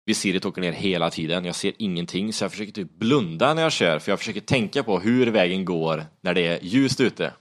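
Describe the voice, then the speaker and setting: A young man casually retelling a story, animated, swearing often and acting out his own panic. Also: sits low, hardly any pauses.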